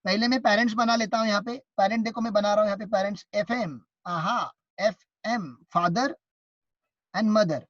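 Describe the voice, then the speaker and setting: A man with an Indian accent teaching an online class, lively and teasing as he quizzes his students. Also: high-pitched, moderate pace, no room sound, dull audio.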